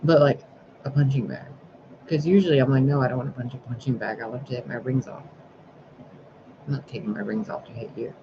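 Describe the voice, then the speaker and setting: A man with a mid-range voice talks to camera in a casual vlog, fairly quick and fairly even in intonation, pausing often. He's a spiritual sign reader rambling, venting about his day and swearing freely. The recording is dull and lo-fi, with clear background noise.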